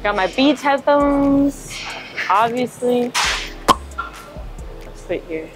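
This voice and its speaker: This young woman powerlifter talks slowly in a high, expressive voice, rambling casually with lots of fillers as she vlogs from an indoor gym. She's wearing a lapel mic, and music runs in the background.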